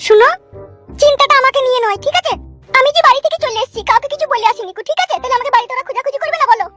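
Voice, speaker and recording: A woman voicing a pushy young village wife, squeaky and insistent, in a comic cartoon. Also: racing, bright, forceful tone, soft background music.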